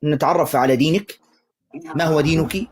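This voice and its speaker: A man hosting a live religious debate stream, lecturing forcefully and cutting in to taunt a caller. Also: a little high, fairly quick, breathy edge.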